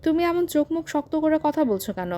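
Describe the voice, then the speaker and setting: A woman voicing a bitter, irritable mother who speaks in a sharp, annoyed tone in an audio story. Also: high voice, animated, fairly quick, pitched above the performer's own voice. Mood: irritated.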